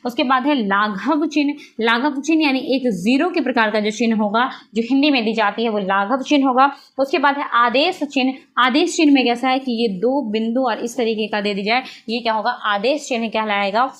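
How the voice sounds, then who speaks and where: A woman's voice: a little high, normal speed, few pauses, fairly bright tone. A woman teaching a grammar lesson, repeating points and answering her own questions as she explains. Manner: repetitive, rhetorical questions answered herself.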